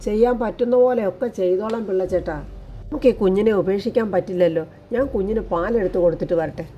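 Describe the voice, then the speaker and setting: Woman reading a blunt tired maidservant grumbling, mellow voice. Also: mid-range voice, fast talker, muffled recording, slight background noise, lightly acted. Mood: weary. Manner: blunt, complaining.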